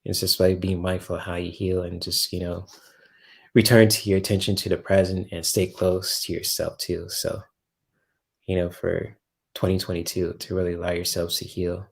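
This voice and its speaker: A man's voice: low voice, flat delivery, normal speed, gravelly, husky. A man hosting a casual tarot live stream, chatting with viewers, laughing often and swearing loosely.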